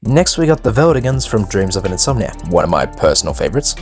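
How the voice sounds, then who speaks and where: This male narrator and host talks fast in a lowish, sing-song voice. His video commentary is scripted yet casual and opinionated, thick with slang and swearing, and it's set over background music.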